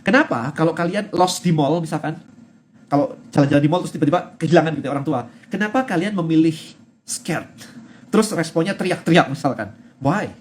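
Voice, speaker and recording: Man, 30s, quick and slightly high-voiced, lively live-stream host mixing in English words. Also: a little hiss or hum. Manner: mixes English words into casual speech. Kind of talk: live-stream talk on mindset.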